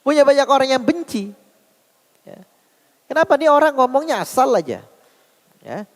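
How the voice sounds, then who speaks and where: A male Islamic preacher with an Indonesian accent, giving a sermon, questioning his listeners and repeating key phrases slowly for emphasis. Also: extremely high pitch, sing-song. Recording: long hall reverb.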